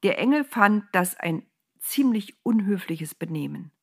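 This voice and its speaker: A woman's voice: mid-range voice, lively intonation, unhurried, breathy edge. Playful woman telling a Bible story. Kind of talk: children's Bible story narration.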